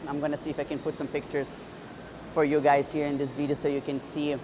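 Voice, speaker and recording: In this personal storytelling vlog, a Brazilian bodybuilder and coach in her thirties recounts her story earnestly and reflectively, restarting often. Her voice is low and her delivery flat and brisk, with a noisy background.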